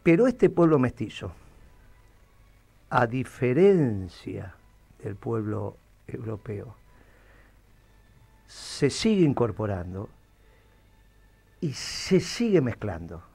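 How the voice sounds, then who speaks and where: A man with an Argentine Spanish accent, hosting a radio talk show and steering the talk slowly and deliberately. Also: mid-range voice, sing-song, vocal fry, mellow, slightly rough. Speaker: radio host.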